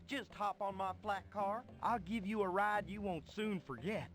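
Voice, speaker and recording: Toby, a folksy cowboy train. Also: male voice, high-pitched, normal speed, a bit bright. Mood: jolly, inviting. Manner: folksy Old West cowboy talk. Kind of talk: children's adventure game voice acting.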